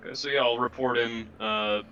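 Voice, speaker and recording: A man's voice: mid-range voice, steady tone, brisk, bright, forceful tone, clean tone, highs cut off, soft background music. A man playing a tabletop game over voice chat, talking in a loose, rambling way with lots of fillers. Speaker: player.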